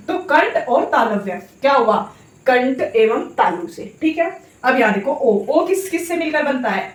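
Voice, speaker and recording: A woman teaching a Hindi lesson, repeating vowel sounds aloud and asking her students quick checking questions. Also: high-pitched, reverberant. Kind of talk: classroom lesson on vowel articulation.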